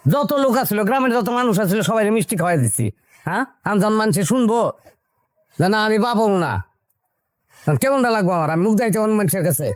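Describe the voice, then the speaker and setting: An upset village husband. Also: male voice, high-pitched, animated, darkish tone, no echo. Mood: reproachful. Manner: reproachful and fast-talking.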